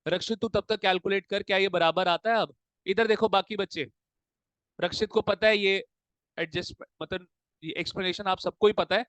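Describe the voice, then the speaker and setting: A man teaching a class of commerce students, with a fairly high voice and a dry, close sound. He drills them with rapid question-and-answer exchanges and addresses them in a fatherly, familiar way. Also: steady tone, fairly bright tone, dry recording, poor audio. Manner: fatherly, calls students "beta". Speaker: commerce tutor. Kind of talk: classroom lecture mixing Hindi and English. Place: coaching classroom.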